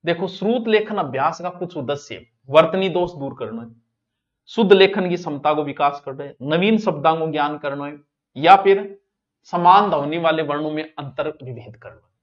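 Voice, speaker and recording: A male teacher runs an exam-prep class, chatting straight to his students. His voice sits high, and he repeats the key words for emphasis. The recording sounds muffled and lo-fi. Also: moderate pace.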